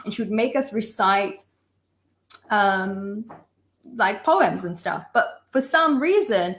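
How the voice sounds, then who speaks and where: At a medium pitch, she speaks slowly yet animatedly. This young adult woman from Lithuania coaches on relationships in a live online masterclass, piling up impassioned, repeated phrases and greeting listeners warmly as her loves and sisters.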